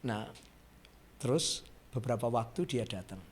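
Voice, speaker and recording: A male pastor preaching a sermon, telling a personal story to the congregation, dropping soft and then rising to loud emotional peaks. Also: mid-range voice, unhurried, a little hiss or hum. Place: church.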